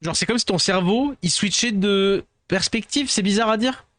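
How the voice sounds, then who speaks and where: A man's voice: high-pitched, normal speed, fairly bright tone, no room sound. A man from France, chatting casually with his viewers as a streamer, rambling and self-deprecating, tired, dropping English words into his talk.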